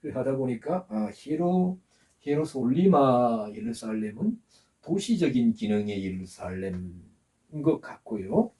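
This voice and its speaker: A male pastor giving a sermon, explaining words slowly and asking the listeners to repeat after him. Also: mid-range voice, very animated, dark tone, far from the mic. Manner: teaching, with pauses to explain terms and have the congregation repeat words.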